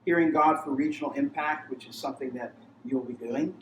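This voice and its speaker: A man's voice: mid-range voice, a little fast, a little hiss or hum. Man preaching in an echoey room. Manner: rambling storytelling, acts out quoted voices. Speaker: pastor. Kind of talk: testimony sermon at a mission training. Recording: roomy sound, mic far off, faint ambience.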